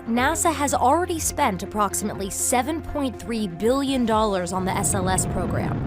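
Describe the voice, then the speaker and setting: A woman correspondent giving scripted news narration in a measured, even delivery. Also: medium pitch. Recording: voice-over with loud background music.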